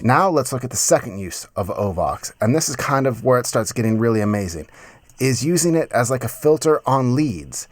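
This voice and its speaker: Speaking at a moderate pace with a sing-song lilt, a thirtysomething man with a medium-pitched voice runs through an informal music production tutorial. It's a casual, enthusiastic, slang-heavy video presentation, recorded in a small home studio on a close mic with a pop filter.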